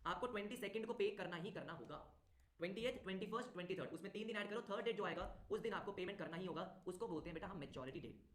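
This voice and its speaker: Man, tutor, online lecture, rapid delivery, repeats phrases, roomy echo. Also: sits high, a bit bright. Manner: brisk, urging students to answer quickly, repeats phrases. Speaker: commerce exam tutor.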